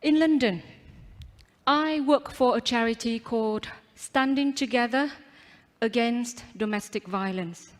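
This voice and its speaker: Woman projecting slowly in a big hall. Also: on the high side. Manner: projected, theatrical stage delivery with dramatic pauses. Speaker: contest public speaker. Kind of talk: rehearsed competition speech. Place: large auditorium on stage. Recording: echoing large hall.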